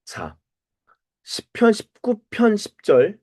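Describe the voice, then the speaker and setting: A pastor leading a Bible study, asking questions and calling on people to read. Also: male voice, high voice, slow. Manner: animated, asks the group questions and calls on readers.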